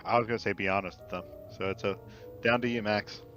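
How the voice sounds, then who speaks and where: A man's voice: on the low side, fairly even intonation, a bit bright, faint music behind. A man playing a game with friends, chatting and joking casually. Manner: joking, quick to laugh. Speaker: co-player. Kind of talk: casual let's-play chat.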